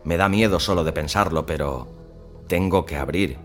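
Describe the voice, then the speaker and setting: Very low male narrator, measured suspense reading, soft music under it. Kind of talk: first-person story narration.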